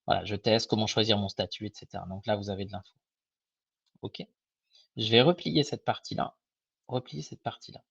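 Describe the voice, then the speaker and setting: A microfinance advisor presents a casual live webinar in a husky, lowish, slightly hoarse voice with a fairly bright tone. He's friendly and informal but hesitant, speaking at a moderate pace with long pauses, many fillers and restarts. The web call audio is dull and lo-fi, with no room sound.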